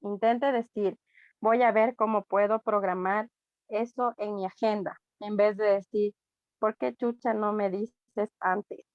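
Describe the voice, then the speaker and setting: A woman's voice: medium pitch, unhurried, dry recording. Woman, Ecuadorian accent, reading aloud to class, dry muffled audio. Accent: Ecuadorian Spanish. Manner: steady reading with small slips and self-corrections. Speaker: student.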